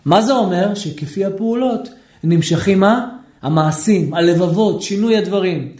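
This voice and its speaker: A man, a rabbi, teaching a lively Torah lesson, questioning his listeners and acting out shouting people. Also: high voice, echoey room. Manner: animated, asks the audience questions, acts out shouting people.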